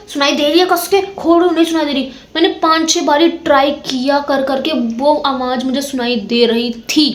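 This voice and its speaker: A young woman casually telling a ghost story of her own, dramatic and repeating words for suspense. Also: high-pitched. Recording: echoey room.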